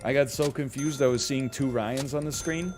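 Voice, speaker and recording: A man's voice: medium pitch, moderate pace, darkish tone, soft background music. A man casually commenting on a management game he is playing, goofy and rambling, with playful exclamations. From Canada. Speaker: gaming streamer. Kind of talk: casual let's-play commentary.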